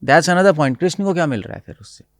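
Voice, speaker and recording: A man's voice: a little high, brisk, no room sound. A man who is a spiritual teacher, explaining scripture in casual conversation, switching between Hindi and English and quoting Sanskrit verses. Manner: mixes Hindi and English, quotes Sanskrit verses, laughs often.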